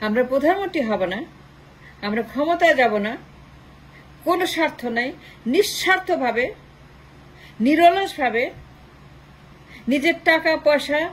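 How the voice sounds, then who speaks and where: High-voiced woman in fiery commentary. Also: animated, a little slow, long pauses, a little hiss or hum, poor audio. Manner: rhetorical, piles up long lists of short phrases; slips English phrases into her talk. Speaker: political commentator. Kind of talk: impassioned political commentary monologue.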